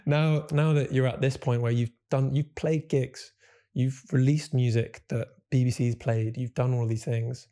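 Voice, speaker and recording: A man's voice: mid-range voice, fairly even intonation, normal speed, warm tone. A man in his twenties hosting a casual music interview, asking long, rambling questions that circle back and correct themselves. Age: 20s. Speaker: podcast host.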